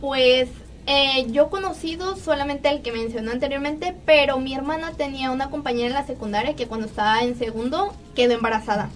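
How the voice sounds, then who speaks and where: Young woman, high voice, animated storyteller, casual group talk. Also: brisk, far from the mic, slight background noise.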